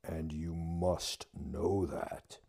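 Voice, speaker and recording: A man voicing Death as a calm, deliberate figure who speaks slowly. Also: very deep voice, breathy edge, full character voice. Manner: slow and deliberate. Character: Death, slow and measured, calm being.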